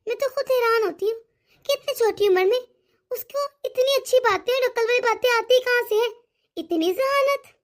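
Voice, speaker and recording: Brief: woman doing a fussing cartoon mother-in-law, older, soft and coaxing, very high pitch. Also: normal speed. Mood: fretful. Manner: soft-spoken, worried, coaxing. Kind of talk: animated cartoon voice acting.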